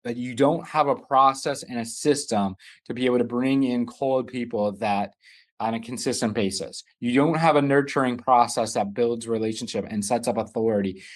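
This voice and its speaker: A man's voice: medium pitch, fairly even intonation, normal speed. Man coaching a live online masterclass. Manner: loose and conversational, often rephrasing mid-sentence. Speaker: business coach hosting a masterclass. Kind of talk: live online teaching session.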